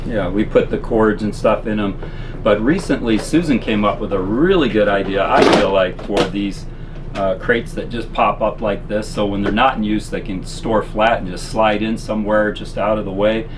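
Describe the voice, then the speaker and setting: A man's voice: fairly low pitch, fairly even intonation, normal speed. A man giving a casual, folksy, explanatory product demonstration inside a small RV. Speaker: presenter of RV living gear tips. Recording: constant air-conditioner-like background noise.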